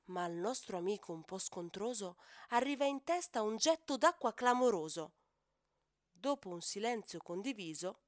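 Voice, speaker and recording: Lively woman reading a rhyming children's tale. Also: medium pitch, no echo, studio quality. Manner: lively, sing-song rhyming delivery. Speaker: storyteller. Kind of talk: rhyming children's story narration.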